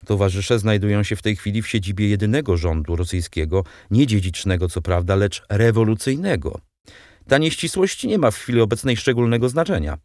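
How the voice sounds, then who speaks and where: A man's voice: fairly low pitch, lively intonation, a little fast, a little mellow, dry recording, clean studio sound, lightly acted. A man reading as a sly, mocking revolutionary leader. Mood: ironic, mild. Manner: mild, ironic and condescending. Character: shrewd, mocking male revolutionary leader, middle-aged.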